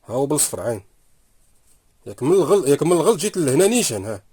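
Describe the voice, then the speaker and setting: Fast-talking moroccan guy showing off a sewing machine, husky voice, slightly high, filmed on a phone up close. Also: very animated, mellow. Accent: Moroccan Arabic. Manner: talks while sewing, repeats "here you go brothers". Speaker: sewing machine seller demonstrating a machine. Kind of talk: casual product demonstration. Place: sewing workshop. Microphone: phone camera held close while working.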